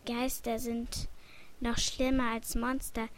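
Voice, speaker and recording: A woman voicing an anxious little girl afraid of ghosts, read slowly from a storybook. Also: on the high side, level tone, a little hiss or hum. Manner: slow, plain read-aloud delivery.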